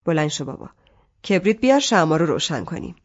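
A woman reading an audiobook, voicing a tired father who talks in a low, weary but firm way. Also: big pitch swings, highs cut off. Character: tired, weary father defending his son.

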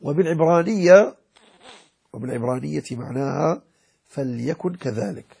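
A man's voice: a little high, animated, normal speed, creaky, darkish tone, slightly rough. A man as a sheikh giving a religious jurisprudence lecture, explaining and repeating points and checking that his listeners understand. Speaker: sheikh teaching Islamic jurisprudence.

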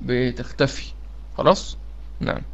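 A man's voice: mid-range voice, unhurried. A man with an Egyptian accent teaching a recitation lesson, repeating key phrases and checking that listeners follow. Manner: repetitive, drills key phrases, asks listeners if they follow. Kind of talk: explanatory lesson.

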